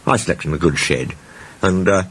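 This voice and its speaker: A man's voice: low voice, moderate pace, noisy background, natural voice. Thomas: a man voicing a flustered engine. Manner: blustering, flustered. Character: fussy male tank engine, hasty.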